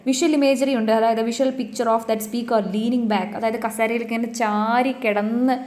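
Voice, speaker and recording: A young woman with a Malayali accent teaching a poem. She reads the English lines slowly, then explains each one quickly in Malayalam. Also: a little high, steady tone, a little mellow. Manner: explains each line, switching between Malayalam and slow read-aloud English. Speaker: English literature tutor. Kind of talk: poetry lecture for exam coaching.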